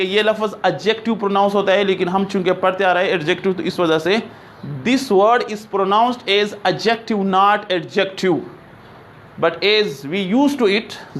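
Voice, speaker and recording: A man teaching an English class, explaining slowly, repeating examples and checking that students follow. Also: high voice, fairly bright tone, slight background noise. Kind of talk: classroom lecture.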